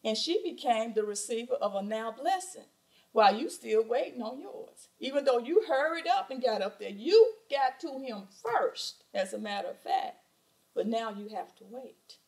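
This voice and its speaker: Animated Southern woman preaching. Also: a little high, normal speed, poor audio. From southern United States. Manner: animated preaching with rhetorical questions and emphatic repetition. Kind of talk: sermon. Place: church sanctuary at a pulpit. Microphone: pulpit microphone.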